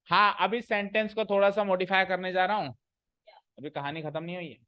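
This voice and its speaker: A man lectures a class on English grammar, keeping them engaged with constant questions and repeated key phrases. His voice sits a touch higher than usual. The recording is dry and somewhat dull, like a basic lo-fi classroom capture. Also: fairly even intonation, a little fast, clean tone, dry recording.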